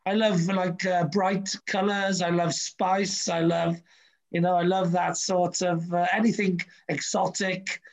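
High, gravelly man hosting a chat. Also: flat delivery, a little slow, low-quality recording. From Wales. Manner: chatty, rambling with many fillers. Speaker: podcast host. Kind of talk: casual interview chat.

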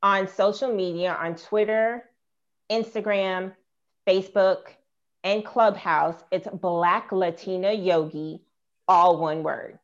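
An American woman, a yoga teacher, talking as a guest in a relaxed, conversational way. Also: mid-range voice, slow pace, highs cut off. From United States. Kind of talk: casual interview chat.

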